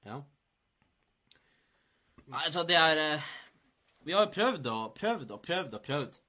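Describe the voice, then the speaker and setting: Man co-host, bright tense tone, playful and laughing. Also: fairly high pitch, very animated. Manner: laughing, playful, swears casually. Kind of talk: casual sports talk show.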